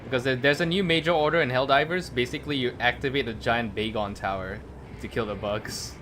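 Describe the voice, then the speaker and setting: Over a noisy background, a livestreamer and VTuber talks briskly in a mid-range voice while playing a video game. His casual stream commentary is slangy and offhand, with muttered remarks to viewers in chat.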